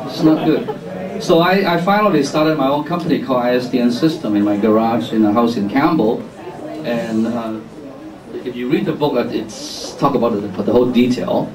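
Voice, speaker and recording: A man's voice: medium pitch, moderate pace, a crowd in the background. A man in his fifties from Hong Kong tells his career story on a panel with dry jokes and little chuckles. The voice comes from far off in a reverberant hall, with a listening audience around him. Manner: joking, chuckles at his own lines. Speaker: panelist entrepreneur. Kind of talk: panel self-introduction. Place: conference hall before an audience.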